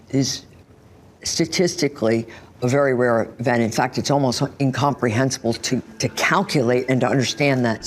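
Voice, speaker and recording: Thoughtful expert speaker explaining. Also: mid-range voice. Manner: thoughtful, searching for words. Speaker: expert interviewee. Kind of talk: explanatory interview.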